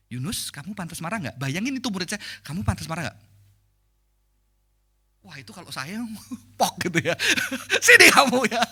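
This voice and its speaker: A middle-aged man preaching a sermon at a church prayer service, talking in a lively, conversational way and dropping in English phrases. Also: very high voice, slightly rough.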